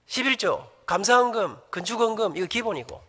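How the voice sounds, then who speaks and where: A man's voice: high voice, animated, fairly quick, bright, forceful tone. A middle-aged man, a church elder, giving a humorous, emphatic testimony to a congregation in a church sanctuary. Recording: echoey church hall.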